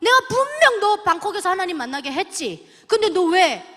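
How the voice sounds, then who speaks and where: Woman acting a stern fatherly God with Pyongan dialect: loud, high-pitched scolding, reverberant hall. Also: big pitch swings, moderate pace, exaggerated voice.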